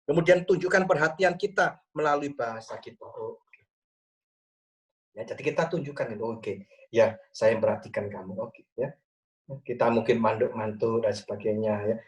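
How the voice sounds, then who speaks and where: A male pastor giving a lively church talk on marriage over a video call, with frequent "ya" tags. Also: mid-range voice, moderate pace, recorded from a distance, poor audio.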